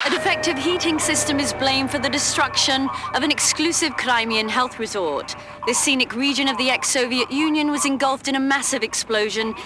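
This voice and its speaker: This woman's high-pitched voice stays close to everyday speech as she plays a TV anchor in a game cutscene. She reads scripted bulletins in a crisp, formal manner, with noise audible behind her.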